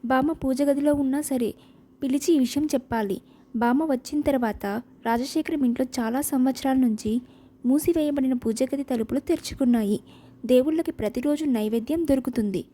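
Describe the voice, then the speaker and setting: A woman narrating an audiobook novel with a steady, expressive reading. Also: high-pitched, brisk.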